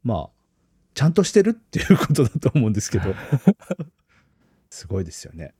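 A man's voice: mid-range voice, wildly swooping pitch, normal speed, mellow, breathy edge, no room sound, clean studio sound. A man co-hosting a casual tech podcast, laughing often and telling stories with animation. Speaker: podcast co-host.

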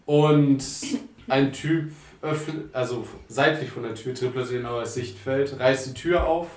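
A man narrating as game master, telling the scene slowly and haltingly. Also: medium pitch, darkish tone. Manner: slow, halting narration with pauses. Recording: roomy, distant mic with faint noise.

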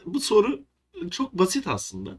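A man's voice: sits high, wildly swooping pitch, normal speed, a loud crowd. A young man co-hosting a casual chat, making laid-back, teasing replies. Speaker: podcast co-host.

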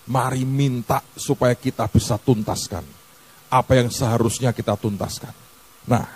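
A male pastor, preaching a sermon in a casual, colloquial way, swinging between loud, sung-out peaks and quiet low asides. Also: husky. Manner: casual colloquial preaching that keeps calling out "saudara".

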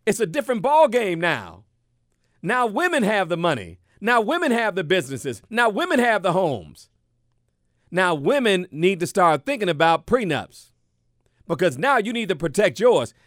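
A middle-aged man hosting a radio talk show, speaking in a lively, conversational way and repeating his points for emphasis. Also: sits high, normal speed, dry recording, clean studio sound. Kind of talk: casual radio talk monologue. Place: radio studio.

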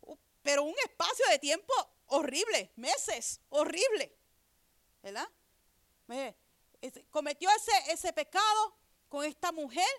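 High-voiced woman preaching conversationally. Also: sing-song, slow, fairly bright tone, no echo, studio quality. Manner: conversational preaching, repeatedly asks "¿verdad?"; reads scripture aloud and explains it. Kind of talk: sermon.

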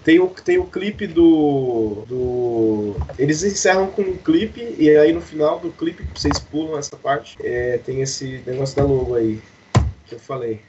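Young Brazilian man, slightly high, noisy audio. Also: a little slow, mellow. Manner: slangy, repeats phrases. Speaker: podcast co-host. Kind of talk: casual chat. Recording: dull lo-fi voice call, noisy.

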